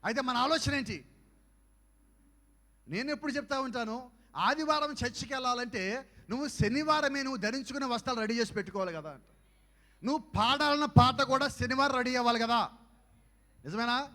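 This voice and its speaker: A man preaching a youth sermon, firing rhetorical questions at the crowd and swinging between soft asides and loud exhortation. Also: very high-pitched, lively intonation, a little fast, pauses often. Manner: fires rhetorical questions at the audience. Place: youth camp meeting hall. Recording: echoey hall with long reverb.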